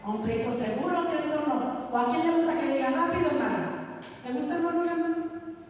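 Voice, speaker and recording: A woman's voice: high voice, brisk, darkish tone. A woman preaching a sermon, often asking the congregation to agree and drawing out key words in a half-sung tone. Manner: keeps asking the congregation "¿verdad?". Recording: echoey hall, distant mic.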